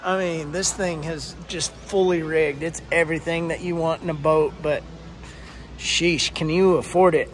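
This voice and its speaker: A man casually filming a first-person walkthrough vlog in a large indoor boat showroom, talking in an excited, exclaiming, chatty way. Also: fairly high pitch, a little slow, slight background noise. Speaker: fishing vlogger touring a boat.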